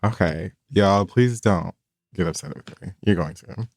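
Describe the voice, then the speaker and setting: A man's voice: deep voice, a little slow, a little mellow, dry recording, studio quality. A man co-hosting a podcast in casual, joking chat, sarcastic and swearing freely. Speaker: podcast co-host.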